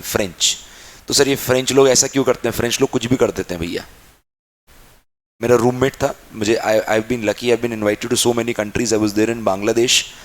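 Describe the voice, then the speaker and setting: A young man teaches a class with an easy, fond manner, calling the students child and dear. He asks questions and answers them in the students' voices, in a middle-pitched voice. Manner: plays out students' questions in a lively back-and-forth. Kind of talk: classroom lecture.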